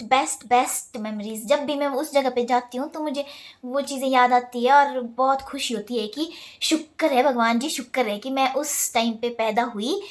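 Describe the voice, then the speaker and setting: Young woman vlogging, high voice, chatty storytelling, laughs a lot, mixes in english bits. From Himalayan India. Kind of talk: casual Q&A vlog.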